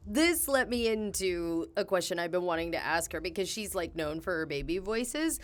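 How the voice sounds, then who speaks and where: A woman hosting a podcast who asks a guest questions in a lively way. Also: lowish voice, normal speed. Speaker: podcast host. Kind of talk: interview questions and narration.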